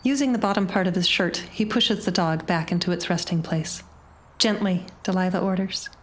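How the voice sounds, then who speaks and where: A woman narrates a short story with a low, steady voice. Her delivery is measured and dramatic, shaping each scene for the listener. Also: a little hiss or hum. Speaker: audiobook narrator.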